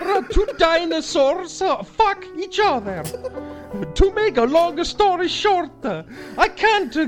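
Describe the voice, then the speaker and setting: An eager Swedish woman fan, as a man puts her on, in a squeaky falsetto that halts with fillers. Her pitch jumps about, with faint music behind.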